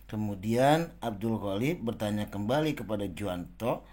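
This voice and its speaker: A man's voice: on the low side, animated, moderate pace, darkish tone. A man teaching a beginner Arabic lesson, reading out dialogue lines and repeating and translating each phrase. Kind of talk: slow explanatory lesson.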